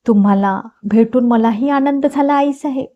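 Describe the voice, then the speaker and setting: A woman's voice: fairly high pitch, normal speed, mellow, lightly acted. A woman voicing a polite, cheerful young woman visiting a family. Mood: friendly. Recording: dull lo-fi recording.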